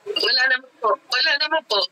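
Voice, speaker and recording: Woman caller, soft and polite, speaks quickly, bright tone. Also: high-pitched, slight background noise.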